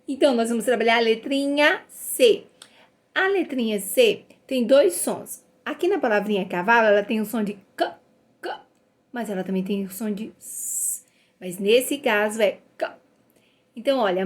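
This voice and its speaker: A woman's voice: a little high, very animated, a little slow. A woman teaching a phonics lesson to young children. She sounds out letters one by one and praises the children cheerfully. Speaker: literacy teacher.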